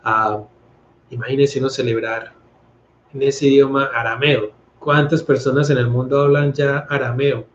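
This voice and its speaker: A man's voice: mid-range voice, little pitch movement, moderate pace, a little hiss or hum. Man, priest from Colombia, casual scripture talk, trips over words, echoey room, slightly muffled sound. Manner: conversational, stumbles and restarts words. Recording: roomy, slightly dull recording.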